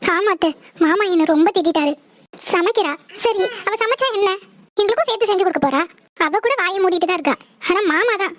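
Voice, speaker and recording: A woman's voice: extremely high pitch, fairly quick, no echo. A woman voicing a bossy, spoiled young woman in a cartoon, talking in a demanding, whiny way. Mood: complaining. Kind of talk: cartoon voice acting.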